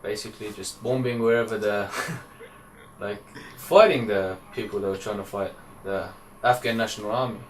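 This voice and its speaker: A man's voice: fairly low pitch, normal speed. A young man giving brief, plain interview answers. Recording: distant mic, faint hiss.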